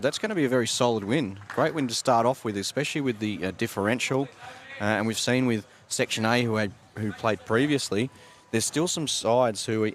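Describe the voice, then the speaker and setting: A man doing relaxed, conversational live commentary on a sports broadcast. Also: mid-range voice.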